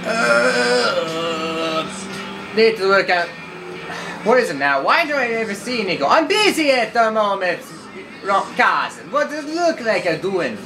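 A man's voice: sits high, very animated, unhurried, vocal fry, over music, poor audio. A man casually narrating a driving game, rambling and joking at himself while role-playing his character. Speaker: gameplay commentator.

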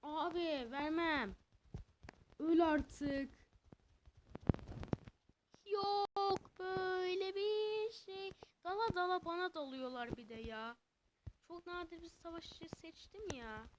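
High-pitched excitable woman gaming. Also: a little slow, noisy background. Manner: excitable, swings between cheering and complaining. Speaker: gameplay commentator. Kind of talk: casual gameplay commentary.

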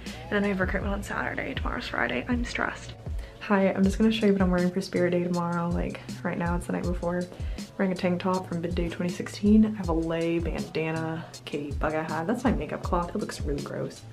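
Low-pitched young American woman, chatty sorority vlogger. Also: steady tone, quick pace, gravelly, music in the background. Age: early 20s. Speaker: vlogger, college sorority member. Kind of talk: casual vlog chat. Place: small bedroom, indoors. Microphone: camera at arm's length.

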